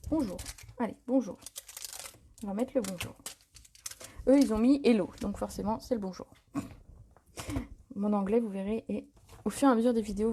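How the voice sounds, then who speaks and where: Her voice is a little high and slightly rough as she hosts a live paper-craft tutorial. Talking casually and improvising while she works, she sounds chatty and relaxed, often using fillers and correcting herself.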